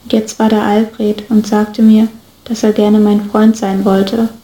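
A woman's voice: medium pitch, level tone, a little slow, warm tone. Woman reading a story aloud in an echoey room. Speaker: reader.

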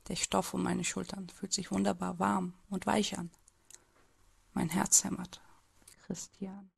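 A shy, downtrodden teenage boy, as a woman voices him tells his story in an amateur audio drama. The voice has a strongly gravelly, husky texture. The narration is hesitant and subdued. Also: mid-range voice, little pitch movement, unhurried, heavily acted.

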